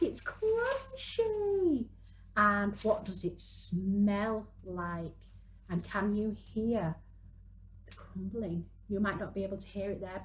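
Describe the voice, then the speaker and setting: Speaking at a medium pitch, this thirty-something woman talks parents and young children through a hands-on craft, doing the activity as she explains it. There's a little background noise, and the recording quality is rough.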